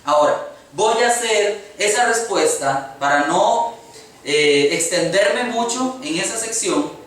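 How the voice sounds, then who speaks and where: Earnest Costa Rican preacher in echoey church. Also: male voice, sits high, expressive, takes it slowly, fairly bright tone. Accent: Costa Rican Spanish. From Costa Rica. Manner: earnest preaching with rhetorical questions. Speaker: pastor. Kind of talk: sermon. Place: church sanctuary. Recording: echoey church hall from far off.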